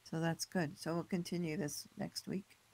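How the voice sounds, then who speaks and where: Raspy-voiced man reading scripture aloud. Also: a little high, steady tone, normal speed, a little mellow, low-quality recording. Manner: reads aloud steadily, then chats informally. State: hoarse. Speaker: class leader reading scripture. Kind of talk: scripture reading and class talk. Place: temple class.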